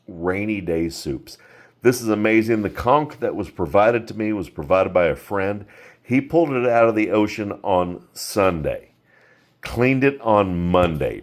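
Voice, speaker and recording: A man hosting a casual cooking tutorial from his home kitchen, chatty and talking straight to his viewers. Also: lowish voice. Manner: chatty, keeps addressing viewers as guys. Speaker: cooking channel host.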